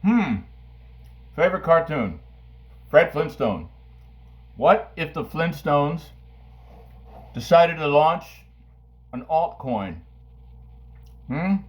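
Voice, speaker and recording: Theatrical man vlogging from his kitchen, unhurried and animated. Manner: playful, theatrical, swings from booming to low asides. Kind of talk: casual talk to camera. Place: home kitchen.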